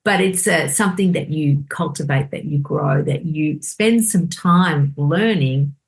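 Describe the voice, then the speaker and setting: A woman, a doctor on a podcast, explaining in a lively chatty way and acting out inner voices. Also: deep voice, a little slow, vocal fry. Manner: animated, acts out inner voices. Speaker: doctor guest. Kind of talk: casual podcast conversation.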